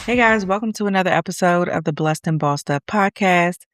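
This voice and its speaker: Over background music, a fairly low-pitched woman in her thirties delivers an encouraging faith-based monologue as a podcast host. Allergies leave her slightly congested, and she speaks earnestly, occasionally turning slow and emphatic.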